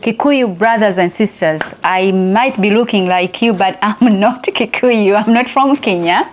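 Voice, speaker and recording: A middle-aged Ugandan woman speaks in a chatty, lively way, telling a personal story for an inspirational talk. She laughs easily. Her voice sits at a middle pitch. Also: measured pace.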